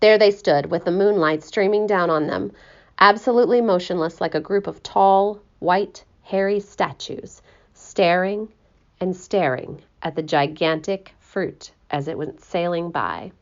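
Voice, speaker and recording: A woman narrating a children's story aloud in an expressive, animated way. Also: fairly low pitch, a little slow, lo-fi sound.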